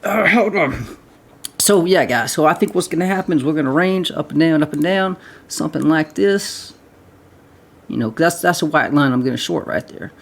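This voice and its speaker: A man's voice: fairly high pitch, a little fast, vocal fry. A man hosting a casual trading video, rambling through chart commentary, repeating himself and calling his viewers guys. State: short of breath. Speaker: crypto trading video host.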